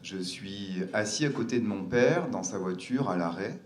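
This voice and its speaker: A man's voice: lowish voice, moderate pace. A man from France telling a personal family story, earnest and hesitant, with frequent fillers and restarts.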